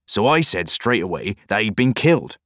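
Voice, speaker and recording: Man playing a grim farmhand, low and muttering, storybook reading. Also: very animated, normal speed, a bit bright, no echo, clean studio sound. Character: gruff grown country man, grim. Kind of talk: audiobook character voice.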